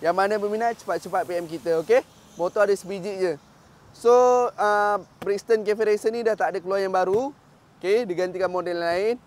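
A man's voice: high voice, steady tone, fairly quick. A man in his thirties with a Malaysian Malay accent, giving an upbeat sales walkthrough of a motorcycle outside a shop. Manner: upbeat salesman patter, mixes in English fillers. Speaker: motorcycle dealer. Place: outdoor parking lot of a motorcycle shop.

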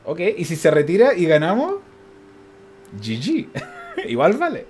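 A man with a Chilean accent giving casual gameplay commentary as a streamer, thinking aloud, counting out loud and chuckling often. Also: a little high, wildly swooping pitch, normal speed, a little hiss or hum.

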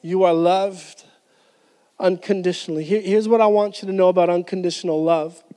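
Guy in his 30s preaching a sermon, really high voice, handheld mic, church hall echo. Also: fairly even intonation, moderate pace, warm tone. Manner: emphatic preaching with repeated restarts, gesturing while speaking. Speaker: pastor. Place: church stage, indoors, medium-sized hall. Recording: hall with long reverb.

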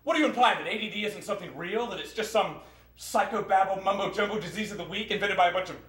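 A stage actor playing a flustered, giggly young adult with attention deficit disorder, talking in tumbling run-on sentences. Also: female voice, deep voice, sing-song, fast, sharp tone, far from the mic, heavily acted. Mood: indignant. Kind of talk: live stage comedy acting. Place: theater stage. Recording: roomy stage sound.

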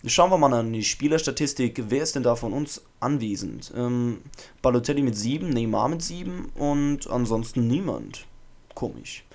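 Excitable young man commenting gameplay. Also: mid-range voice, moderate pace. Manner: excitable, shouts player names at big moments. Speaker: gaming channel host. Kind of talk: let's play commentary. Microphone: USB podcast microphone.

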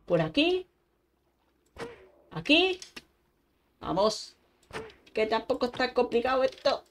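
Talking to herself as she plays Minecraft, this young gaming YouTuber keeps up a chatty commentary full of exclamations. Her voice is mid-range and a little mellow. There's slight background noise, plus faint typing and clicking from a keyboard.

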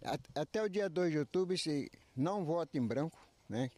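An elderly man of about eighty speaks outdoors into a reporter's handheld microphone. He talks haltingly, restarting phrases and leaning on filler tags, his voice sitting a little high for a man. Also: lively intonation, darkish tone. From Brazil. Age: 80s. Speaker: interviewee, retiree. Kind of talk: street interview. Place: outdoors under trees by a house. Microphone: handheld reporter mic.

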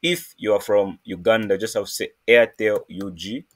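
A man from Zambia hosting a casual screen-recorded coding tutorial, talking in a halting way with many fillers and restarts. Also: on the low side, steady tone. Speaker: programming tutorial host.

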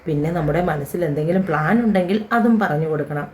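A man's voice: on the high side, fast talker, slight background noise, close to an everyday voice. A woman voicing an easygoing young nephew who explains family matters plainly. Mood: explaining.

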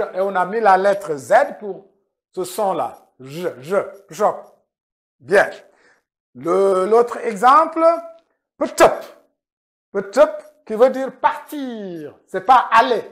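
A man teaching a language lesson, who says each example word slowly and repeats it several times so it can be pronounced. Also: high-pitched, a bit bright. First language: Manjaku. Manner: slow, repeats words to drill pronunciation.

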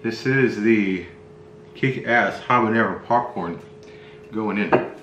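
A middle-aged man with a fairly low voice reviews food casually. He speaks in a halting, low-key way while tasting. The room is echoey, with faint noise behind him. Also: a bit bright, highs cut off. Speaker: spicy food review host. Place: small bright room indoors. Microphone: camera mic across a table.

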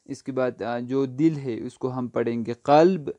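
A man's voice: medium pitch, mellow, dry recording, lo-fi sound. A man teaching an online language lesson, patiently asking what each word is, answering it himself and spelling it out letter by letter. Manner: patient, asks a question then answers it, spells words letter by letter.

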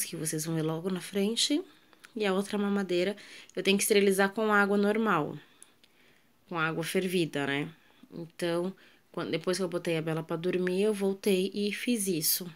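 Her voice lowish and steady at a normal speed, a mother and home vlogger with a Brazilian Portuguese accent casually describes cleaning her kitchen. She chats with viewers, asks them things and trails off with filler words.

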